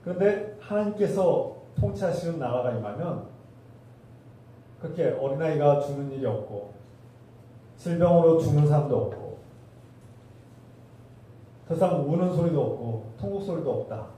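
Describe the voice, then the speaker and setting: A man's voice: a little high, animated, normal speed, pauses often, dark tone, a little hiss or hum. A male pastor preaching a sermon, asking the congregation rhetorical questions. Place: church sanctuary. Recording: distant roomy church recording.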